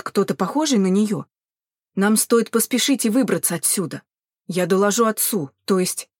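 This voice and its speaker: A woman voicing an excitable young male guard. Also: medium pitch, dry recording, clean studio sound, lightly acted. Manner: loud, exclaiming and pleading.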